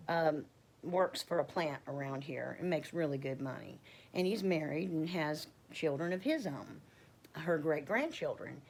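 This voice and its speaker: Low-voiced middle-aged woman rambling heartfelt. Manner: rambling, heartfelt, self-correcting. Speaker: homeowner telling a faith story. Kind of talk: casual personal testimony.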